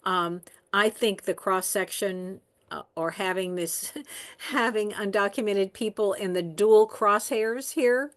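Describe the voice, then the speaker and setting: A woman's voice: mid-range voice, slow, a bit bright. A woman presenting health policy in a webinar, answering questions with frequent ums and restarts. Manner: rambling, many ums and restarts.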